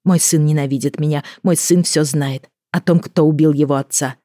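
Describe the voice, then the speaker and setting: A woman narrates a fantasy audiobook in the first person, reading with expression at a middle pitch. The recording is dry and close, with no room sound. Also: fairly even intonation, normal speed, dark tone, no echo.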